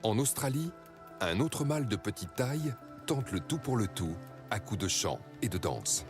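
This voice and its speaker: A man reading scripted nature documentary narration in a measured, dramatic storytelling way. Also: lowish voice, big pitch swings, music in the background.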